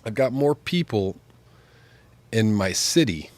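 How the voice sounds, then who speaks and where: A man's voice: on the low side, expressive, slow pace. A man sick with flu, congested and nasal as if his nose were pinched, chatting casually and rambling on a gaming livestream. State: sick with flu, stuffed-up sinuses. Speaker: game streamer.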